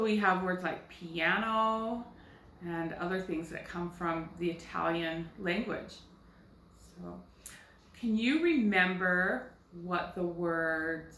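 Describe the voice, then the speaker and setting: An American woman teaches young children in a clear, bright voice, patiently explaining and posing questions she then answers herself. She sounds a little distant from the mic, in an echoey room. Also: lowish voice, a little hiss or hum. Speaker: first grade teacher. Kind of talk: recorded phonics lesson for children.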